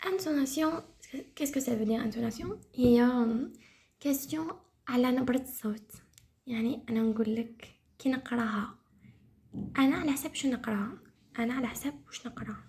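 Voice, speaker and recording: A woman's voice: on the high side, quick pace, darkish tone. A young woman with an Algerian Arabic accent giving a casual exam review lesson, explaining patiently and repeating key terms. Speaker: teacher reviewing French for exams.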